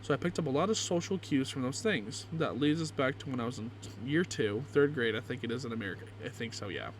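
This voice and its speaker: A man's voice: mid-range voice, expressive, quick pace, slight background noise, poor audio. A young man reading aloud casually and gleefully, with crude, amused reactions, as a YouTube creator would. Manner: crude, joking, swearing.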